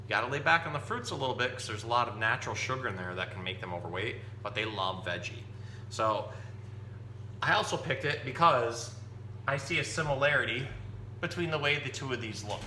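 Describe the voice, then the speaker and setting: Showing animals to kids and reading them a picture book, this man explains things in a relaxed, informal way. He speaks a little fast at a medium pitch, with lively intonation and a bright, forceful tone, in a roomy, echoey recording with background noise and hum.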